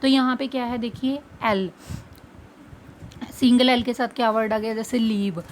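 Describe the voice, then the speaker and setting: A woman's voice: a little high, fairly even intonation, moderate pace, a little hiss or hum. A woman English teacher explaining phonics step by step, asking questions and then answering them herself.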